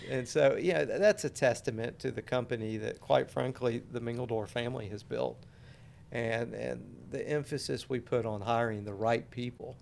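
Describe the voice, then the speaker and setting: A man who is the guest on a podcast, talking in a relaxed, easygoing way with light hesitations. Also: medium pitch, normal speed, creaky, a little hiss or hum. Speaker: guest, company general manager. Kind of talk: casual podcast interview.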